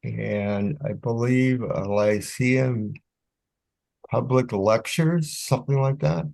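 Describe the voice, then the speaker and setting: A man introducing himself in a group discussion, slow and halting in his delivery. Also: medium pitch, vocal fry, darkish tone, dry recording. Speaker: local charity volunteer.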